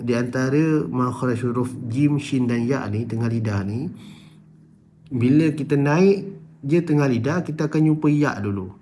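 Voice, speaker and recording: A man with a Malaysian Malay accent teaching a tajwid lesson, explaining slowly and breaking into drawn-out, louder chanted recitation of examples. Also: mid-range voice. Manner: addresses listeners as "tuan-tuan", checks with "okey?".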